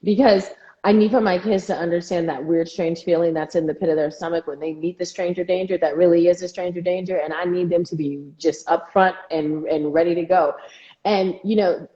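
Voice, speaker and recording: A woman's voice: on the low side, fairly even intonation, moderate pace, mellow, muffled recording. Emphatic woman co-host, echoey room. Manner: emphatic, opinionated, acts out quoted voices. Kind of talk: casual chat.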